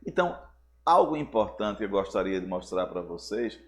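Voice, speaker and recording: A man's voice: on the low side, sing-song, fairly quick, fairly bright tone. A man teaching a recorded school lesson to seventh graders, often checking in with "certo?" and speaking with a Brazilian Portuguese accent. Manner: explains with frequent "certo?" check-ins to students.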